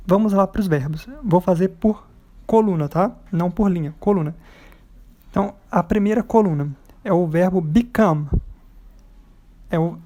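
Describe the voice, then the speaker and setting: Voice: medium pitch, dark tone. An English teacher with a Brazilian Portuguese accent, patiently correcting exercises step by step and checking in with students as they go. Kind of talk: recorded lesson, correcting exercises.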